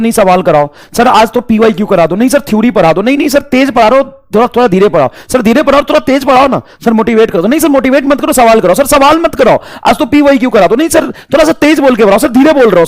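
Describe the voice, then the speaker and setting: A man's voice: very high-pitched, pitched above the performer's own voice. A man mimicking a whiny, demanding young student who keeps changing requests.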